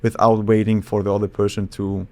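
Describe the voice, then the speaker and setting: A low-pitched man talks through his ideas as a podcast guest. He pauses and restarts mid-phrase as he thinks aloud, in a relaxed, casual conversational way. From Iceland. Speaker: psychologist and charisma expert guest.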